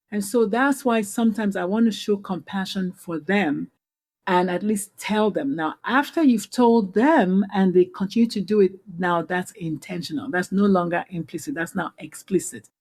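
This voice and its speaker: Her mid-range voice has a slightly mellow quality. She's a middle-aged physician from Nigeria being interviewed conversationally on a podcast, recounting stories with earnest animation and often beginning her sentences again.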